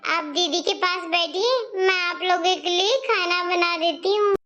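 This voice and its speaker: A woman's voice: very high voice, a little slow, lo-fi sound, soft background music, heavily acted. A woman voicing a patient, polite young daughter-in-law in a cartoon story. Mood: calm. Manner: calm, polite, quietly firm.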